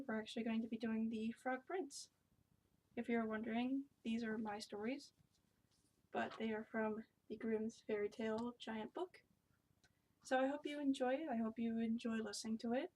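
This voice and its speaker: A woman with a fairly high voice reads a fairy tale aloud at home. She keeps her voice hushed and quiet as she narrates. It is a plain, homemade storytelling delivery. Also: rough recording. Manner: hushed, talking quietly so as not to wake someone.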